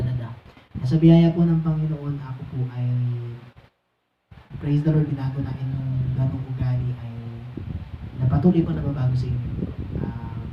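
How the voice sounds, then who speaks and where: A high, thin-voiced man preaches, coaxing and exhorting his congregation with frequent fillers. He sounds set back from the mic in a roomy hall. The sound is dull and muffled, with a faint hiss behind him. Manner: exhorting, mixing English phrases, many "ano" fillers. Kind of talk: sermon. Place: church hall. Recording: echoey, distant and dull room recording.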